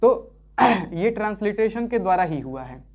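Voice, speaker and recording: A man's voice: sits high, expressive, normal speed, darkish tone. A man teaching a Sanskrit lesson. He explains patiently, repeats himself and often checks that the listener is following. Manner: repetitive, keeps checking understanding with tag questions.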